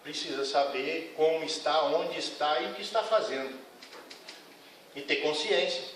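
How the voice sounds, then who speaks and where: Earnest male lecturer with a bit of a high voice, taking the room to task; recorded at a distance in a booming hall. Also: measured pace, fairly bright tone, a little hiss or hum. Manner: earnest, admonishing, frank. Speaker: spiritist lecturer. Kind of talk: lecture to a congregation. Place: lecture hall of a spiritist center. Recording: echoey hall, mic at a distance.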